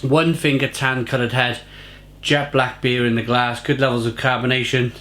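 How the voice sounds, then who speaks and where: A man's voice: mid-range voice, flat delivery, normal speed, bright, forceful tone. A man giving a casual, effusive beer tasting review, often repeating phrases for emphasis.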